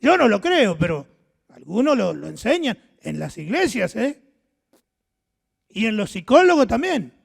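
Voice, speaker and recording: An older man from Argentina with an Argentine accent and a hoarse voice, preaching a sermon as pastor, telling stories and acting out the dialogue. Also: sits high, very animated, unhurried, pauses often, in a large hall. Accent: Argentine Spanish. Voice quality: hoarse, gravelly voice. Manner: storytelling, acts out dialogue, asks the audience questions.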